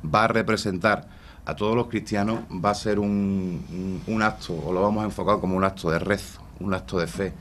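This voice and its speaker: A man, speaking haltingly and repeating phrases at a press conference. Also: low voice, steady tone, a bit bright. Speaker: brotherhood leader at a press conference. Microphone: table press microphones. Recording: noisy room ambience.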